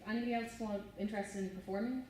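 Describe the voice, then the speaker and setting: Fast-talking woman organiser, teasing, far off in an echoey room. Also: medium pitch, fairly even intonation. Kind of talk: casual chat. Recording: echoey room, distant mic, faint noise.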